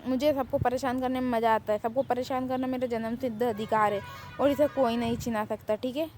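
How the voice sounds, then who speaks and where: A woman's voice: a little high, steady tone, a little fast, a little mellow, faint music behind, close to an everyday voice. A woman voicing a cheeky, boastful young woman who loves to pester everyone. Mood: teasing. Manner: brash, teasing, boastful.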